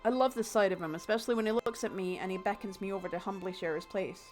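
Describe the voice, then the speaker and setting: A woman's voice: medium pitch, fast, a little mellow, soft background music. A woman streaming a story game, reading its text aloud and adding playful, sarcastic remarks. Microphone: desk mic, no headphones.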